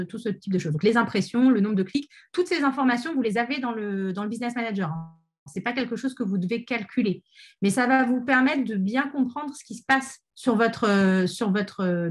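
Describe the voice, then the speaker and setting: A woman presenting an online training session, talking with many fillers and restarts. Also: medium pitch. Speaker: webinar speaker on ad testing.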